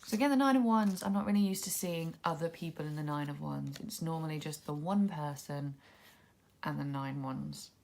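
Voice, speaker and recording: A woman with a deep, creaky voice speaks at a moderate pace while sniffly and a bit congested from a cold. Relaxed and musing, she thinks aloud as she casually walks through a tarot deck, commenting along the way.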